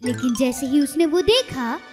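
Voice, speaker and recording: A woman narrating a storybook cartoon in an expressive, storytelling way. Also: high voice, moderate pace. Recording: reverberant, with music underneath.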